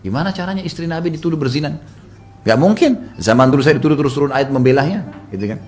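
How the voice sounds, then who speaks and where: A middle-aged man preaching a sermon, telling a story with acted quotes and sudden loud, high rises. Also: fast talker.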